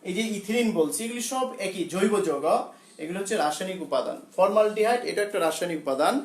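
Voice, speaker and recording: A male school teacher with a Bangladeshi Bengali accent giving a science lesson, slowly repeating key terms for students and often pausing with fillers and self-corrections. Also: high-pitched, lively intonation, roomy sound, poor audio.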